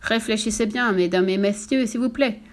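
A woman voicing a pompous, grumpy circus ringmaster who makes slow, showy announcements in a storybook reading. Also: mid-range voice, natural voice. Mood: grandiose.

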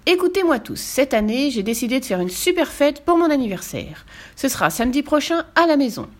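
A woman voicing a grumpy, quick-tempered young male wolf in a children's story, loud and excitable. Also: high-pitched, pitched above the performer's own voice. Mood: excited. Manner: loud, excitable, sulky outbursts. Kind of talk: storybook voice acting.

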